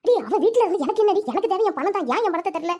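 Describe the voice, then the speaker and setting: A woman voicing a shrill, bossy village moneylender. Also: expressive, rapid-fire, mellow. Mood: scolding. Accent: Tamil. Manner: harsh scolding, shrill. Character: loud pushy female village moneylender. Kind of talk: Tamil cartoon voice acting.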